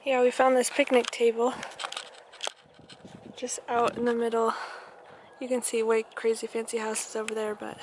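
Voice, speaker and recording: A woman's voice: a little high, completely flat delivery, normal speed, darkish tone. A woman in her early twenties with an American accent, chatting casually and tentatively as a self-conscious vlogger outdoors. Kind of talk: casual vlog chat. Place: outdoors on wooded trail and open prairie. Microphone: camera at arm's length. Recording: noisy outdoor handheld camera audio.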